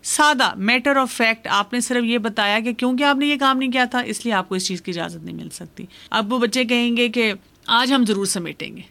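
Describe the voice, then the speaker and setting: A woman speaking as an expert guest on a radio program, calmly explaining parenting advice with everyday examples. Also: fairly high pitch, moderate pace, creaky, dry recording.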